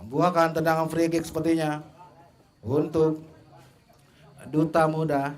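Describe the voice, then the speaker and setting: A man with a fairly high voice and an Indonesian accent commentates on a football match. He follows the play live, move by move. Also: flat delivery, unhurried.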